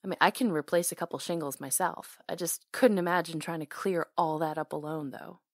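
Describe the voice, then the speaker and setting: A woman with a low-pitched voice talks fairly quickly in an intimate ASMR roleplay, playing a hair stylist who chats casually with a caring, teasing touch. The recording is clean studio sound without echo.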